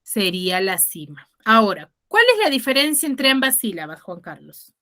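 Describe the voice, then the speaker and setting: Bright-voiced woman teaching online. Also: mid-range voice, very animated, moderate pace. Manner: checks understanding with frequent "ya?" and questions students; patient, explanatory, stresses key words.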